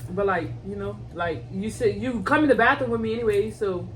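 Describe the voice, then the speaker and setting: Woman, mid-pitched, informal and teasing in casual chat; recorded away from the mic with clear noise. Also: a little fast. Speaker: host of a couple's mukbang question game. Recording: distant mic, clearly noisy background.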